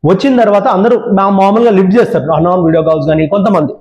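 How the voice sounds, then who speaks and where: A channel presenter gives a public awareness talk, earnestly repeating warnings straight to viewers. His high-pitched voice races along with a darkish tone, and the recording has a roomy echo.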